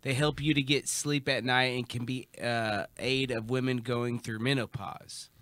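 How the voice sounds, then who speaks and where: A man's voice: mid-range voice, steady tone, a little slow, a bit bright, no room sound. A man with a Texan accent joining a casual beer chat, matter-of-fact as he reads out facts.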